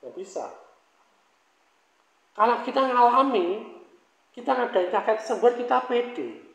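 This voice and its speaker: A male pastor giving a sermon in a relaxed, conversational way, often asking rhetorical questions and adding casual asides. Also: very high voice, measured pace, creaky, reverberant, poor audio.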